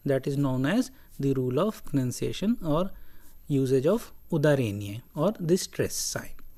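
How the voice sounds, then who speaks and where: A lecturer giving a recorded lesson, speaking deliberately in short broken phrases and repeating key words. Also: medium pitch, darkish tone. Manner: slow, deliberate, breaks phrases into short pieces. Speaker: language lecturer.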